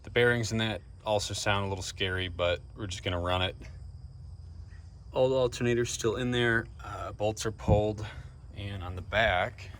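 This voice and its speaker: A low-voiced man hosts a casual DIY vlog, narrating to camera at a normal pace while repairing a car, his voice a bit bright. He works in and around the vehicle, and noisy car and engine sounds fill the recording.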